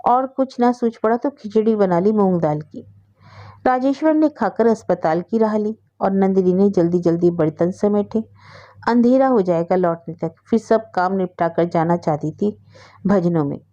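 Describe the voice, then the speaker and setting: A woman narrating a story aloud in a steady, expressive storytelling manner. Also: mid-range voice, moderate pace, muffled recording.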